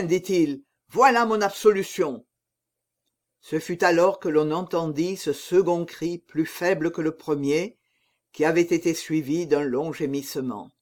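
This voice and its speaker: Slow, high-voiced male storyteller. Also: a little mellow. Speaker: audiobook narrator. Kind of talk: literary reading.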